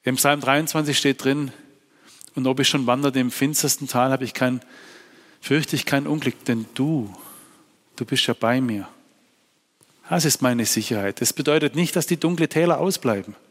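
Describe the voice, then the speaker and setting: Earnest male preacher in a reverberant hall. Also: normal speed. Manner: earnest, swings between hushed low phrases and raised emphatic ones.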